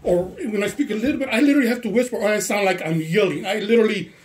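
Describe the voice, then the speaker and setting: A middle-aged father with a deep, strained voice after surgery, heatedly complaining to school staff. He questions in rapid bursts, then gives long, insistent explanations. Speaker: parent. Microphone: handheld phone recording.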